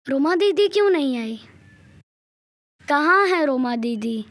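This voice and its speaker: An actor playing a frightened young schoolboy who refuses a stranger and cries for help. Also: male voice, animated, slow, fairly bright tone, no room sound, clean studio sound, heavily acted. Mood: worried. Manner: high, pleading, crying for help. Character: frightened young schoolboy waiting for his tutor.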